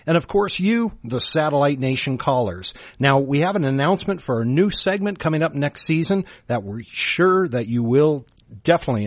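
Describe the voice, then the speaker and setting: A man's voice: fairly high pitch, no echo. A man co-hosts a call-in radio show with an upbeat announcing manner, now and then stumbling over an "uh". The sound is dry and close, with no room in it. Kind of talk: casual radio show hosting.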